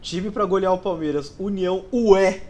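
A man's voice: high voice, moderate pace, background noise. A man with a Brazilian Portuguese accent reading out answers in a casual, sweary word game with friends. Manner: informal, sweary.

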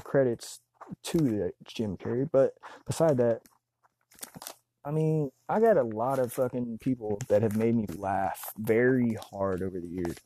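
A man talking to himself in a casual, rambling monologue, laid-back and full of slang and swearing, high on weed. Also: dark tone, slight background noise. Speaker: solo talker.

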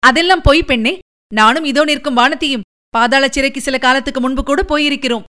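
Voicing a poised royal princess for an audiobook, this female reader speaks with firmness and dignity at a measured pace. Her voice sits high with a sharp edge.

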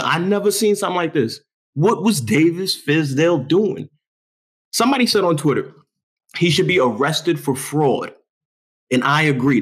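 Young guy from new york hyping up his team on his talk show, loud and boastful, lots of slang. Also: on the high side, slightly rough. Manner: animated, boastful, street slang. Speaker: show host. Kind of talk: hyped sports talk monologue.

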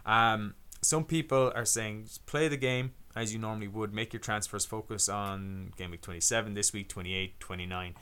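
A man's voice: lowish voice, steady tone, normal speed, hardly any pauses, sharp tone, smooth. A man co-hosting a podcast, explaining fantasy football plans step by step in casual chat, often restarting his sentences. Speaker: podcast co-host.

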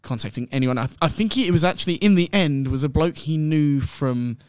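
A young man, guest host on a podcast, telling a long story in excitable, rambling casual chat full of fillers. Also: on the high side, fairly quick, clear, resonant tone, no room sound, clean studio sound. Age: young adult.

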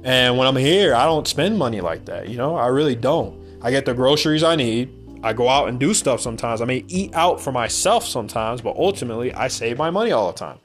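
A man's voice: medium pitch, expressive, a little fast, faint music behind. A man from the United States hosting a podcast, talking in a blunt, rambling casual monologue and swearing freely. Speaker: podcast host.

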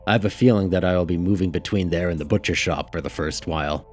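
A man's voice: sits low, fast, a little mellow, faint music behind. A man voicing an earnest husband and family man in an audiobook.

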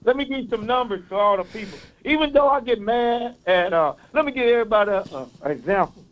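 A man calling in, with an East Saint Louis accent and a fairly high voice. He talks earnestly and reels off numbers. The line sounds muffled and lo-fi. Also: lively intonation, fast. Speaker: caller. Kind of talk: call-in sports talk.

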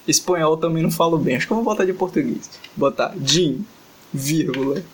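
A man's voice: on the high side, brisk, slightly rough. A man from Brazil co-hosting a casual podcast, joking, swearing freely and fumbling through foreign words. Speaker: podcast co-host. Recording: faint background noise.

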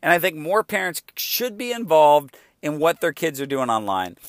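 A man in his forties talks in a loose, candid way, jumping between stories and quick asides. His voice sits a little high for a man. The sound is dry and close. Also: big pitch swings, no echo. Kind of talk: casual chat.

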